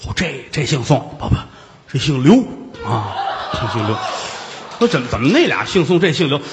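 A man telling a comic ghost story solo, with playful asides and acted-out shouts. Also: medium pitch, sing-song, moderate pace, noisy background. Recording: reverberant room.

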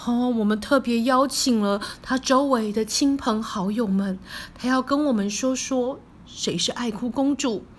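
A woman reading a picture book aloud to a child, playful and animated, asking the child questions. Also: fairly high pitch, a little slow, a little hiss or hum.

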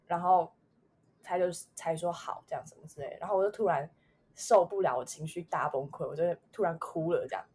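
A woman's voice: lowish voice, brisk, a little mellow, a little hiss or hum. A woman in her twenties with a Taiwanese Mandarin accent, telling a personal memory in a casual podcast chat, rambling with many fillers. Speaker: podcast co-host.

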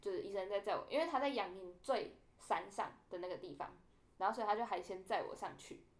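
A woman's voice: mid-range voice, animated, fast. A young woman telling a story in a casual podcast chat, animatedly acting out the quoted dialogue. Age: young adult. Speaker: podcast co-host.

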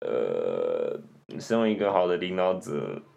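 A young man with a Taiwanese Mandarin accent, hosting a casual chat and telling animated stories with bursts of laughter and mimicked voices. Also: sits low, unhurried, creaky. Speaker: podcast host.

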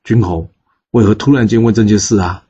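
A man's voice: on the low side, fairly quick, dark tone, husky, dull audio. A man voicing a flustered, scheming ancient minister who speaks nervously and placatingly.

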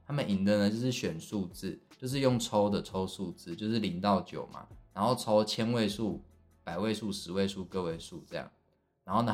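A young man with a Taiwanese Mandarin accent, casually telling a long family story on his podcast, rambling with many fillers and restarts. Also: on the low side. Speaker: podcast host.

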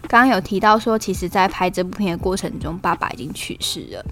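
A woman's voice: lowish voice, quick pace, soft background music. A woman with a Taiwanese Mandarin accent hosting a casual film review podcast, retelling scenes in a chatty way and acting out quotes. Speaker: podcast host.

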